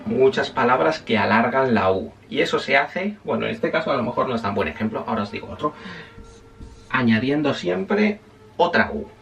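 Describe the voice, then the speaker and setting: Gravelly chatty man teaching a lesson. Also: medium pitch, expressive, normal speed, a bit bright, far from the mic, a little hiss or hum. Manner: chatty, self-correcting, checks in with listeners often. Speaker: Japanese language teacher. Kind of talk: casual spoken lesson.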